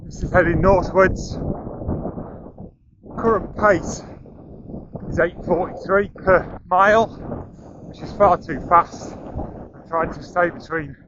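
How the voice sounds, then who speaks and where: A man's voice: high voice, steady tone, takes it slowly, long pauses. Man talking while running, slightly breathless. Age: middle-aged. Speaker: amateur runner filming a training run. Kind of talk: running vlog commentary. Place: outdoors on coastal paths and residential streets. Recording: muffled outdoor camera audio with noise.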